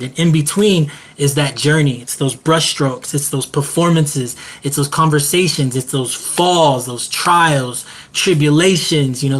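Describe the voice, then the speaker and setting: A man speaking as a hip-hop artist on a panel, earnest and measured, with a rhythmic, reflective delivery. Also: fairly high pitch.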